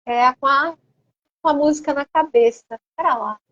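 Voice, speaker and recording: High-voiced Brazilian woman, rambling guest. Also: moderate pace, no echo, muffled recording. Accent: Brazilian Portuguese. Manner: rambling and animated, many hesitant fillers. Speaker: interview guest. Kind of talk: casual conversation.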